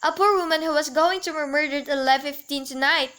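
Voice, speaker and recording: Teen girl doing a high bright-voiced sick lady, fussy and demanding, school radio play. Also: fast talker. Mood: insistent. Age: teens. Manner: fretful, insistent, rising to panic. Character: nervous, demanding bedridden woman alone at night. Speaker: student actor.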